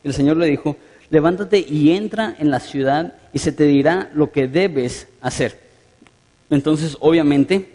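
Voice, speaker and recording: A man's voice: a little high, mellow, in a large hall. A man preaching a sermon as pastor, earnest and emphatic, lifting his voice on quoted prayers.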